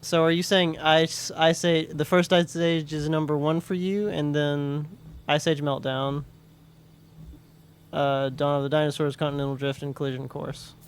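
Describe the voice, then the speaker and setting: A man's voice: little pitch movement, moderate pace. A man chatting casually while streaming a game, rambling and restarting his sentences. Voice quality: higher voice. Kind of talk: casual gameplay chat.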